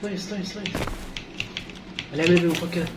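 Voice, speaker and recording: A man with an Egyptian Arabic accent giving excitable let's play commentary, repeating phrases over and over as he reacts. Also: high voice, racing, heavy background noise. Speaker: gaming channel host. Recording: loud game music under voice. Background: loud game music.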